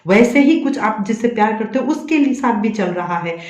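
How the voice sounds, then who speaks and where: A woman with a fairly high, somewhat dark voice speaks at normal speed, animated, in an echoey room. As a tarot reader and psychic medium, she addresses viewers directly during a reading, coaxing them along and repeating a tag question to make sure they follow.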